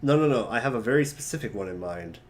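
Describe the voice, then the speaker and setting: A man's voice: medium pitch, expressive, fast, slight background noise. A man chatting playfully on a stream between reading parts of a webcomic. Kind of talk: casual chat.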